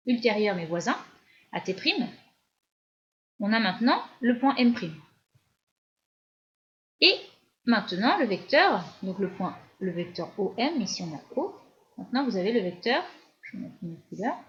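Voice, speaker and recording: A woman physics teacher with a French accent giving a recorded lecture while writing at the board, often pausing and restarting her sentences. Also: mid-range voice. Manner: explanatory, with frequent hesitations and restarts. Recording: dull lo-fi lecture recording with faint hiss.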